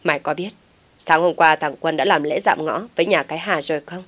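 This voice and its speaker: A woman's voice: low voice, fairly quick, a bit bright. A woman voicing a scheming older uncle who feigns concern and scolds. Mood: scolding. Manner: scolding, sly.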